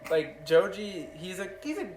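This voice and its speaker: A man's voice: high voice, very animated, a little slow, heavy background noise. Young male podcast host, rambling and profane, recorded in a roomy space off-mic. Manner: rambling storyteller, loose and profane. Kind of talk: casual chat. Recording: roomy, distant mic, faint ambience.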